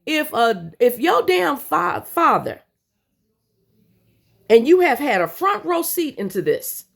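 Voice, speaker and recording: A woman's voice: high-pitched, big pitch swings, slow, creaky. Fired-up, scolding woman vlogger. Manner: blunt and profane, scolding her viewers; repeats and restarts words when worked up. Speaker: commentary vlogger. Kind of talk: heated commentary rant.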